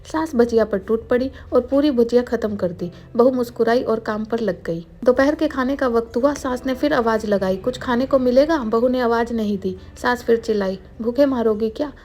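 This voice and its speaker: A woman's voice: fairly high pitch, normal speed, few pauses, darkish tone. A woman narrating a family story in a chatty storytelling manner, now and then speaking to the listener.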